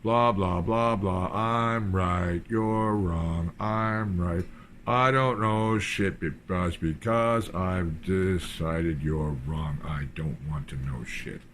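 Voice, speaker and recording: A man's voice: low voice, rapid-fire, hardly any pauses, slight background noise. Smug mocking know-it-all troll woman, as a man puts her on. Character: condescending know-it-all female online troll.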